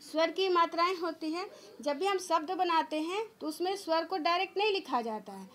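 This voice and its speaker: A woman's voice: extremely high pitch, fairly bright tone. A woman school teacher giving an online grammar lesson to children, patiently explaining step by step and answering her own questions. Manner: drawn-out demonstration sounds.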